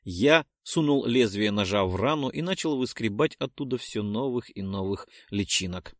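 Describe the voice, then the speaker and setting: A man reading a first-person action story as an audiobook narrator, steady and sometimes urgent. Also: fairly low pitch, normal speed, no echo, clean studio sound. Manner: steady, rising to urgent shouts in dialogue.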